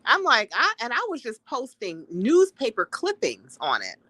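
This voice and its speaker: A woman chatting as a guest on a political talk show, animated and emphatic, repeating her phrases. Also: on the high side, moderate pace, breathy edge, dry recording. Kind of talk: casual political chat.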